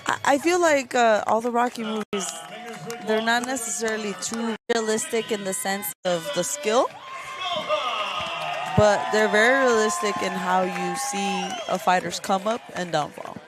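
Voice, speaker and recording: Woman chatting as boxing co-commentator, kinda hesitant, music and crowd loud behind. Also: medium pitch, unhurried. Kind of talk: casual, hesitant sports chat.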